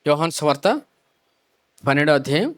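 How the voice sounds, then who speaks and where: A man's voice: a little high, sing-song, a little fast. A male pastor preaching a sermon, asking the congregation questions and repeating the key phrases back.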